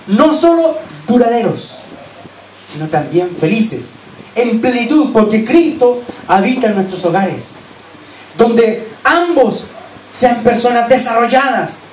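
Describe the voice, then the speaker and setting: A man with a Chilean accent preaching a sermon as pastor, earnestly urging his listeners, then dropping to soft, low asides. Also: expressive, slow. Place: church hall. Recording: echoey church hall, distant mic, faint hiss.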